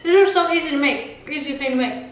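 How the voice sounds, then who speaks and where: A woman with a high voice hosts a casual mukbang vlog, chatting fast while she eats. The room is echoey, the mic distant, and faint noise is present.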